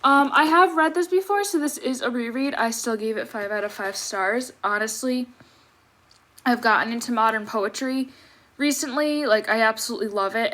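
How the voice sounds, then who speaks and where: A woman's voice: a little high, a bit bright. A young adult woman chatting casually as a book vlogger, interrupting herself with apologetic asides, her speech slightly off after wisdom teeth removal. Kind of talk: casual chat to viewers. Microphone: tablet microphone.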